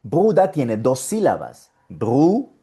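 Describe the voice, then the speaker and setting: A man teaching German pronunciation, speaking deliberately and repeating each word so the learner can copy it. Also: mid-range voice, big pitch swings, dark tone, faint music behind. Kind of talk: online pronunciation lesson.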